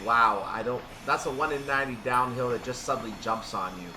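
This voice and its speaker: A gaming video host gives casual commentary on a train simulator, thinking aloud and correcting himself along the way. His mid-range voice is brisk and sits far from the mic, with background noise present.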